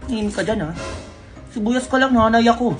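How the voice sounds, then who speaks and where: A woman's voice: on the high side, brisk. A woman in a comic skit, complaining. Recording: heard from far off with loud music.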